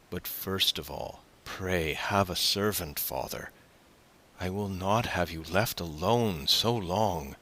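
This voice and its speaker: A man's voice: deep voice, sharp tone, exaggerated voice. A man reading as an eager young sailor. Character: eager young male sailor returning home.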